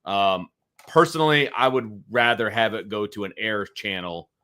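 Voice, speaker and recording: A middle-aged sports show co-host and analyst delivers casual, opinionated talk in a lowish, sharp-toned voice at normal speed. He hammers his points by repeating them emphatically.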